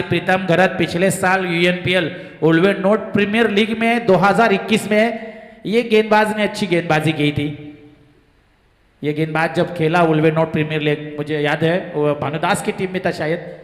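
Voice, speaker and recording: A man from giving live local cricket commentary in an excitable manner. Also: high voice. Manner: excited commentary, rising on boundaries. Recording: echoey PA-like sound with long reverb.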